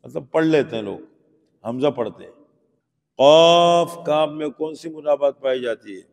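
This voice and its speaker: A man's voice: medium pitch, gravelly, mellow. A man teaching Quran pronunciation in a class, patiently asking his students questions and sounding out the letters. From Pakistan. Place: mosque teaching hall. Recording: long hall reverb.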